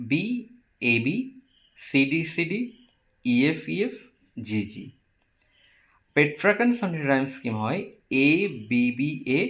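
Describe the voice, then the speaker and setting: Bengali teacher explaining step by step. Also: male voice, fairly high pitch, fairly bright tone. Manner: explains step by step, slows to spell out English terms. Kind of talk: classroom lecture.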